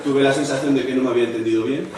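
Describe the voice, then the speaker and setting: A young man from Spain performing a live stand-up monologue at a university, switching into loud high voices to act out other people. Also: steady tone, rapid-fire, a loud crowd. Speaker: stand-up comedian. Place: university auditorium with a laughing audience. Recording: echoey, distant, noisy hall recording.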